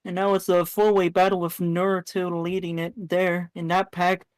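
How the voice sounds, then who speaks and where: A woman's voice: lowish voice, level tone, moderate pace, no echo. A woman commentating a live sim race in a chatty way, often correcting herself mid-sentence.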